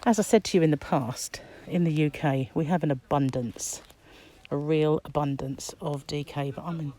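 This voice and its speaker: A woman's voice: deep voice, normal speed, mellow. A middle-aged British woman chats casually while shopping, musing aloud, her voice muffled by a face mask. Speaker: crochet vlogger. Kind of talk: casual shopping vlog, chatty commentary. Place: inside a shop aisle. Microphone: handheld phone, behind the camera. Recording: background noise, shop ambience.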